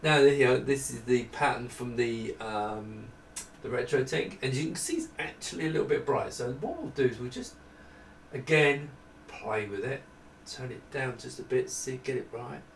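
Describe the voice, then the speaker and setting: Gravelly and medium-pitched, the middle-aged man talks at normal speed with lively intonation as he casually demonstrates retro computer hardware, rambling and self-deprecating. He's at a desk in a small indoor room. The distant camera mic sounds roomy, with a bit of background noise.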